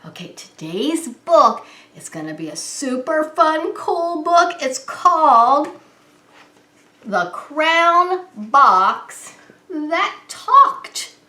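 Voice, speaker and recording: This preschool teacher's voice sits high, with big pitch swings, a sharp tone, and an extremely slow pace as she reads a picture book aloud and explains it simply and expressively to little children during story time. The sound is roomy and echoing, like an indoor space.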